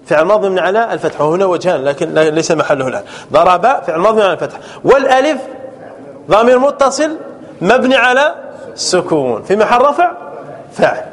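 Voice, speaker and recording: A man teaching a grammar class, drilling verb forms slowly and checking often that students follow. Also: sits high, fairly bright tone, big-room sound. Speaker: sheikh teaching Arabic grammar.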